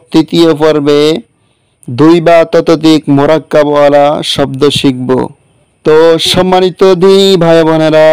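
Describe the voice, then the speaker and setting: A man teaching Quran letters, spelling them out slowly and deliberately one by one. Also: a little high, darkish tone, clean tone, no echo, low-quality recording. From Bangladesh. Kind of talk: Quran letter recitation lesson.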